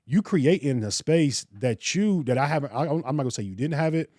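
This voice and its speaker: Earnest, animated male podcast co-host. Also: fairly high pitch, fairly quick, dry recording, clean studio sound. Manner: earnest, preacherly, animated storytelling. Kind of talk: casual podcast discussion.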